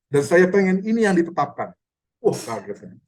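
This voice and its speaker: A man, a pastor, teaching a Bible study online in an animated, conversational way, quizzing listeners by name. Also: sits high, moderate pace. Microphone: online video call.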